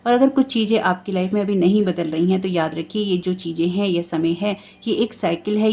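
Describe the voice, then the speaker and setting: A woman with a fairly low voice gives a tarot reading in a calm, reassuring tone. She keeps her guidance steady and drops English terms into her speech. The sound is slightly dull and lo-fi. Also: a little hiss or hum. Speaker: tarot reader.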